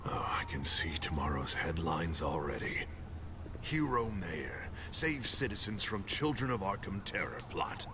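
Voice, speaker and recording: An actor playing a corrupt, menacing mayor in a video game, taunting with theatrical, drawn-out mock sorrow. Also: male voice, lowish voice, sing-song, background noise. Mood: gloating. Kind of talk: video game dramatic acting.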